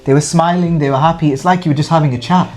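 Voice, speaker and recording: A man playing a frustrated, indignant dental patient in an interview role-play, confrontational and quick to interrupt. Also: on the high side, fairly even intonation, a little mellow, natural voice. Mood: accusing.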